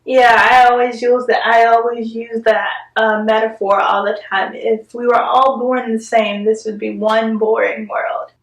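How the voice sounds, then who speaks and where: A woman in her twenties from North Carolina, chatting openly in an interview, with frequent pauses to gather her thoughts. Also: a little high, flat delivery. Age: 20s. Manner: chatty, open, fond of fillers. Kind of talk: personal interview. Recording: roomy room with soft guitar.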